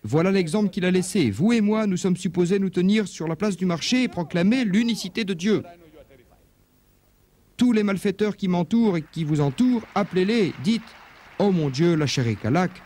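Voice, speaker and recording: In a dubbed religious lecture, a man preaches emphatically, asking rhetorical questions as his pitch swings up and down. His voice is animated and a little mellow, at normal speed.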